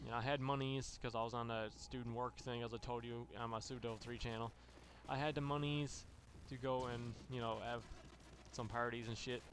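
A man's voice: mid-range voice, level tone, normal speed, a little hiss or hum. Rambling young man over gunfire. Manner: loose, profane, full of restarts and fillers. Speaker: gaming channel host. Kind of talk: rambling storytelling over gameplay. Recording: gunfire from game audio behind. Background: video game gunfire.

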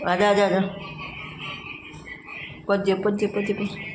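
A woman with a Punjabi accent chatting casually to her pet, in an expressive, exclaiming aunty manner full of motherly repeated calls and commands. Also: mid-range voice, a little slow. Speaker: home vlogger talking to pet dog. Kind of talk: casual chat, coaxing a pet. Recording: noisy handheld home video.

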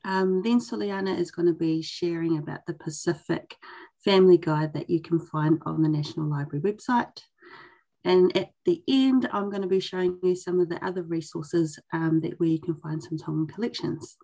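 A woman's voice: on the low side, normal speed, vocal fry, warm tone, poor audio. A young woman casually presenting as host of an online session. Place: indoors on a video call.

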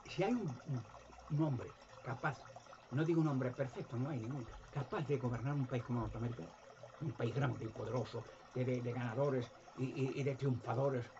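Emphatic Spanish man over loud noise. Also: mid-range voice. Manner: emphatic, repeats words, acts out quoted voices. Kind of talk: impassioned monologue. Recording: dull lo-fi audio with loud background noise.

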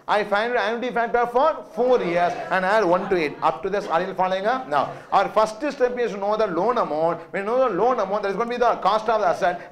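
High-pitched South Indian man teaching. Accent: South Indian (Tamil). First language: Tamil. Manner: emphatic, repetitive questioning with tag questions. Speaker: finance teacher. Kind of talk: classroom lecture, step-by-step with rapid questions to students.

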